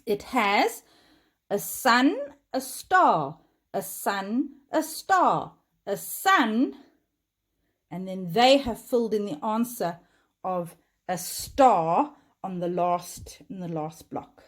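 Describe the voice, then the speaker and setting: A woman teacher talks young children through a lesson in a slow, unhurried way. Her pitch rises and falls in a lively sing-song as she chants patterns aloud and cheers them on.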